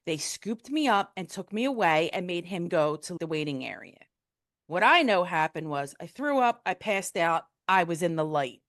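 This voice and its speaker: A woman in her fifties, a guest telling a personal story in a frank, casual, animated way, acting out the people she quotes. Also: on the low side, moderate pace, dry recording, studio quality.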